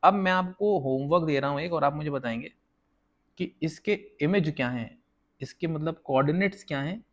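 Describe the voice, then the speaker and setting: A man teaching a casual whiteboard math lesson, explaining step by step and often checking that viewers follow. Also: a little high. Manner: counts slowly while drawing.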